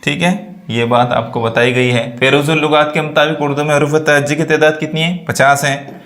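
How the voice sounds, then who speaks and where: Male teacher, mid-pitched, step-by-step exam walkthrough, asks and answers his own questions, roomy echo. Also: steady tone, moderate pace, fairly bright tone. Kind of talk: screen-recorded exam walkthrough.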